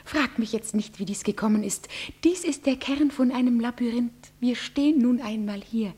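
An actress playing a frightened young bride who pleads in a breathy, often whispered voice, in a classic radio play. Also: female voice, a little high, normal speed, warm tone. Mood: pleading. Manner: pleading, trembling.

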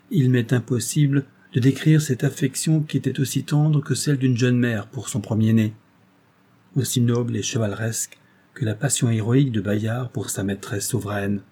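A man narrating a classic novel as an audiobook in a measured, steady storytelling manner. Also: mid-range voice, slightly rough.

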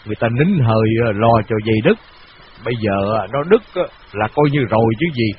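A man playing a fretful old man who grumbles and talks in hurried bursts, on a dull lo-fi recording. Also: medium pitch, lively intonation, slight background noise, lightly acted. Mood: grumbling.

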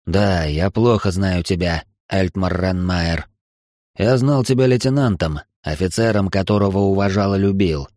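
A man's voice: low voice, normal speed, darkish tone, dry recording, studio quality, close to an everyday voice. A man voicing a tired, patient middle-aged space admiral who speaks in a weary, pleading way in an audiobook. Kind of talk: audiobook character voice.

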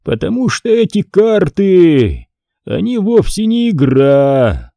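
A man reading an audiobook, voicing a stern, mysterious older male stranger who speaks quietly through clenched teeth. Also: sits high, very animated, slow pace, gravelly, no echo, pitched above the performer's own voice, full character voice. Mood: ominous. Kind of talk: audiobook character voice.

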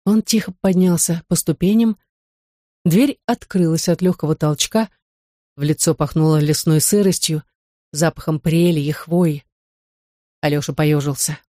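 An audiobook narrator reading a historical adventure novel in a measured storytelling manner. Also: mid-range voice, fairly even intonation, mellow, dry recording, clean studio sound. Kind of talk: literary narration.

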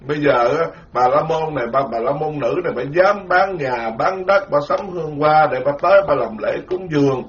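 A man's voice: fairly high pitch, normal speed, few pauses. A man giving an informal Buddhist dharma talk, rambling and self-mocking. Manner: self-mocking, rambling, lively storytelling with quoted voices. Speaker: Buddhist monk lecturer. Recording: dull lo-fi recording.

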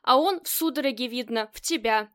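A woman reading the part of a brash, loyal female friend who talks in rough slang, in an audiobook narration. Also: fairly high pitch, fairly bright tone, lightly acted. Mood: blunt. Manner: rough, slangy, rapid storytelling.

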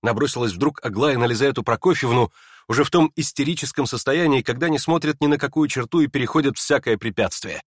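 A man narrating a classic novel aloud in a measured, expressive reading voice. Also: medium pitch, dry recording, clean studio sound. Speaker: audiobook narrator.

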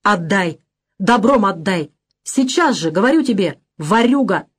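A woman's voice: medium pitch, lively intonation, a little slow, slightly rough. A woman doing a furious accusing young man. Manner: hateful, pressing accusations.

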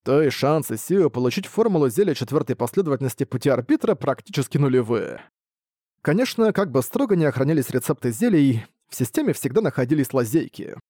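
A man narrating a fantasy audiobook in a steady, even reading voice. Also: medium pitch, fast talker, no echo, clean studio sound.

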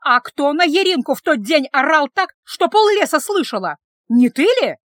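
A fierce young village woman shrieks and scolds in a high, loud voice, as a woman reader acts her out. Her pitch leaps about wildly, and the recording is dry and close. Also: very animated, moderate pace, no room sound. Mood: furious, shrill. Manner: shrill and shouting.

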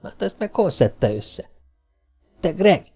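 A man voicing an excitable, hot-headed male astronaut who shouts and grumbles in an audiobook. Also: on the high side, gravelly, breathy edge, soft background music, voice pushed up, full character voice. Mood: exasperated.

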